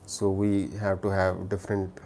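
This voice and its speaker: Indian guy w telugu accent chatting on a stream, mellow voice, kinda halting, keeps restarting. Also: deep voice, completely flat delivery, slight background noise. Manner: halting, repeats words and restarts sentences often. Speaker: livestream host chatting with viewers. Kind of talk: casual chat, recommending films.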